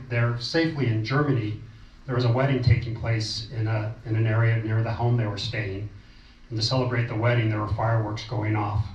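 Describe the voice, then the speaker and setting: A man's voice: medium pitch, darkish tone. A man at a meeting sharing accounts in a plain, matter-of-fact way. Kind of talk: casual storytelling at a meeting. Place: meeting room. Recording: roomy, distant, muffled, faint noise.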